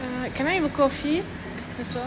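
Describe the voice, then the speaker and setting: A woman from France, livestreaming while out in town, chatting excitedly to her viewers into a handheld phone. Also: high-pitched, normal speed, loud music behind the voice. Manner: chatty, excitable, talks straight to her chat. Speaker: IRL livestreamer. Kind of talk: casual live stream chat. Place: out on town streets and in shops.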